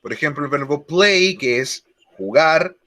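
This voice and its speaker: Male teacher, bright and slightly high; slow, deliberate classroom explanation. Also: expressive. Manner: slow, deliberate explanation, repeats key words. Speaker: English teacher. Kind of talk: online grammar lesson.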